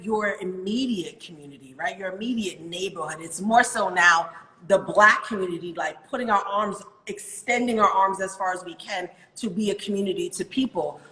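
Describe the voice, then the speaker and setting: A woman hosting a casual interview, chatty with quick asides, her voice carrying a big hall echo. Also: medium pitch, sharp tone. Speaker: interview host. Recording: roomy voice with long hall reverb.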